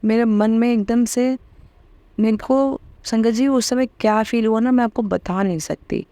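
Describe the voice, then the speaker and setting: Devout woman sharing, warm mellow voice. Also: on the high side, steady tone, measured pace, no echo. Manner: emotional, repeating words of thanks softly. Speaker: devotional satsang host. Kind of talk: devotional testimony talk.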